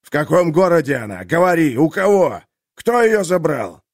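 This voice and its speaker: A man's voice: on the high side, very animated, moderate pace, dry recording, studio quality, voice pushed up. A man voicing a furious male merchant who snarls threats at a prisoner.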